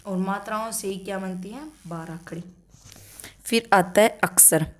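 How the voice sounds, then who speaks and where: A woman teaching an exam-prep grammar lesson, asking questions aloud and answering them herself, often checking in with a quick "okay". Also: medium pitch, slight background noise. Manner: checks in with frequent "okay" tags.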